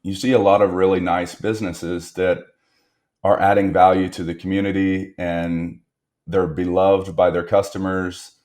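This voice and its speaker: A guest entrepreneur on a business podcast looks back on lessons he has learned, repeating points to drive them home. His voice is low and a little mellow, with a flat delivery at normal speed.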